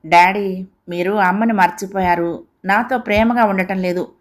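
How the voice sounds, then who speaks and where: A woman's voice: medium pitch, fairly even intonation, normal speed, natural voice. Woman voicing a tearful young schoolgirl. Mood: pleading. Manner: plaintive, tearful pleading. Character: young schoolgirl grieving her mother.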